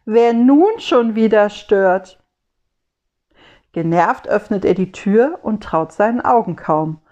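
Slow, measured woman reciting a poem. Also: mid-range voice, darkish tone. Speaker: storyteller.

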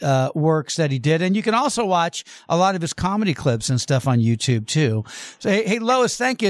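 A man's voice: a little high, no echo, studio quality. A man hosting a radio show, chatting casually as he wraps up an interview.

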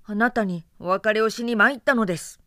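A woman's voice: mid-range voice, pushed and bright, no room sound, clean studio sound, voice pushed up, close to an everyday voice. An earnest young storm god pleading, as a woman narrator puts him on. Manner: polite, rapid pleading speech.

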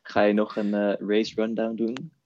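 A man chatting on a podcast, teasing his friends with quick jokes. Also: fairly low pitch, completely flat delivery, a little mellow, highs cut off. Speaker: podcast co-host. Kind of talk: casual chat.

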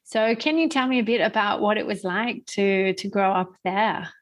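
A woman's voice: medium pitch, moderate pace. A woman co-hosting a podcast, chatting casually and asking questions in a friendly way, laughing often. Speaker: podcast co-host. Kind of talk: casual interview chat.

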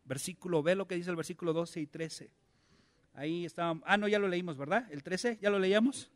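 A man's voice: high-pitched, brisk. A male pastor, preaching a conversational sermon and asking his congregation many questions.

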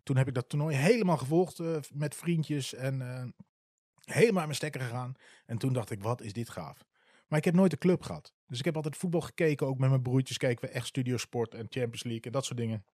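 A man's voice: medium pitch, fast, darkish tone, no room sound, studio quality. A man in his forties from the eastern Netherlands, telling his story in a candid, casual way with many hesitant filler sounds. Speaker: football club supporter.

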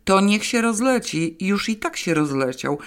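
A woman's voice: mid-range voice, animated, unhurried, pitched above the performer's own voice, lightly acted. A woman voicing Paweł, a furious man who mutters and curses in an audiobook. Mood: angry. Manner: muttering, cursing.

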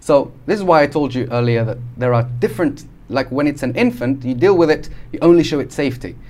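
A man's voice: a little high, lively intonation, fast, a little mellow, slight background noise. Male podcast guest from Algeria, explanatory, casual, frequent restarts. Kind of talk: casual conversation.

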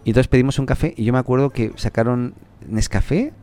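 A man hosting a podcast, chatting casually and telling stories in an animated way. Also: mid-range voice, fast talker. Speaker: podcast host. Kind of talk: casual chat.

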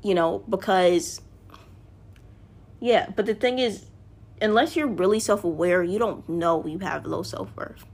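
A woman's voice: medium pitch, measured pace, vocal fry, pauses often, husky. A woman with a mid-range voice talks in a loose, unscripted monologue. She rambles, restarts her sentences and keeps turning to her listeners as if they were right there with her. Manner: rambling, self-correcting, often addresses listeners directly.

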